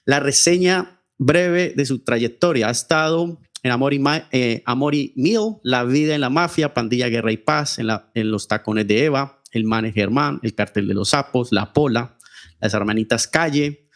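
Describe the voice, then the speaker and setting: A man's voice: mid-range voice, normal speed. A Colombian man hosting a podcast who welcomes his guest in a friendly way and reads through his credits. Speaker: podcast host. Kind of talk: interview hosting.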